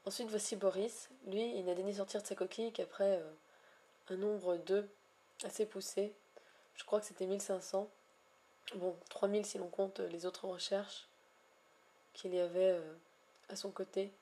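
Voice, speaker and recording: A woman vlogging about her shiny hunts in a wordy, elaborate way, pausing often with hesitations and gushing affectionately at times. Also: medium pitch, level tone, dark tone, breathy edge. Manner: ornate, wordy phrasing with frequent hesitations. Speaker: Pokémon shiny hunter vlogger. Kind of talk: casual vlog narration.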